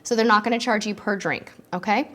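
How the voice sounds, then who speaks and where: A woman with a mid-range, fairly bright voice talks fairly quickly while hosting a live stream of cruise tips. She fields viewer questions in a chatty, upbeat way, dropping frequent ums, and sounds a little stuffy from allergies.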